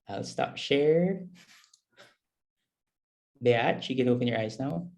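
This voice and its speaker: A man's voice: medium pitch, slow pace, gravelly, darkish tone. Filipino man hosting in Tagalog-English mix. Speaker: host of an online workshop game. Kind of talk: casual live event hosting. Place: video call.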